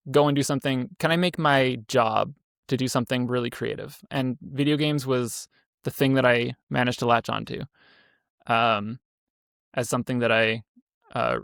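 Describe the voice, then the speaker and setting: Gravelly-voiced man in his 30s, indie dev guest, loose rambling delivery, dry close sound. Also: mid-range voice, a bit bright, no room sound. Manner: rambling, self-correcting, frequent fillers. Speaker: indie game developer guest. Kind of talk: casual interview talk.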